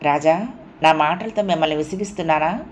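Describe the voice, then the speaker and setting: A soft-spoken young woman, adoring and coaxing, murmuring close in a storybook reading, as a woman narrator puts her on. Her voice sits a little higher than the reader's own and stays tender and sweet. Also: a little fast, slight background noise, lightly acted.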